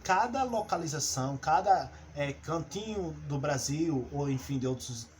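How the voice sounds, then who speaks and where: In a recorded class lesson, a Brazilian male teacher explains his material step by step, pausing on fillers and restarting as he goes. His slightly high voice is animated and a bit mellow, with faint background noise.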